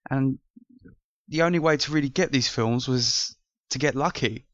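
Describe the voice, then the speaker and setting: Young British vlog host, earnest, rambly, smooth clear voice, dry dull lo-fi recording. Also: male voice, medium pitch, moderate pace, no echo. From France. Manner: earnest, rambling with many restarts. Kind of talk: casual movie review vlog.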